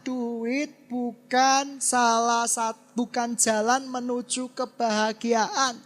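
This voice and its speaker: A male pastor preaching a sermon. He swings between loud exclamations and quiet asides. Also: very high-pitched. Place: church hall. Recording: long church-hall reverb.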